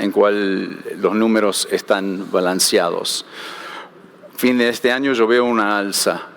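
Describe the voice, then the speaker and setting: A man's voice: lowish voice, a little hiss or hum. A man speaking as a shipping panelist at a conference, hesitant and repeating words as he thinks.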